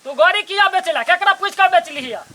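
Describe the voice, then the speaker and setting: A man's voice: extremely high pitch, animated, fairly quick, heavy background noise. A man with a Bihari accent playing an angry, scolding old village grandfather in an amateur comedy skit. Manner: scolding, demanding.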